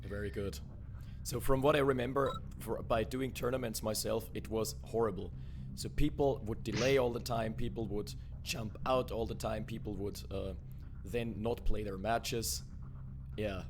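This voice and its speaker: A man's voice: on the low side, steady tone, normal speed. A man hosting a livestream, casually interviewing a guest. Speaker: livestream host. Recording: music clearly playing behind the voice. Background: music.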